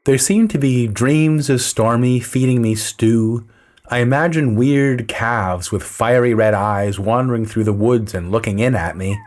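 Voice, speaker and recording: A man narrating a story in the first person, with a dry, measured, low-key delivery. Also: a little mellow.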